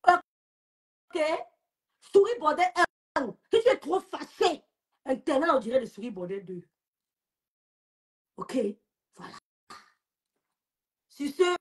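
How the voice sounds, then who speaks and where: A young Cameroonian woman speaks in a husky, slightly high voice, taunting and scolding someone in a live-stream rant. Her Cameroonian French accent stays clear as she mocks and lectures without letting up. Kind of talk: social media live rant.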